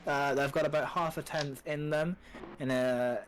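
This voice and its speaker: A man's voice: on the high side, steady tone, moderate pace, a little hiss or hum, poor audio. A man commentating a live sim racing stream, chatty and promotional with many fillers. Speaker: race commentator.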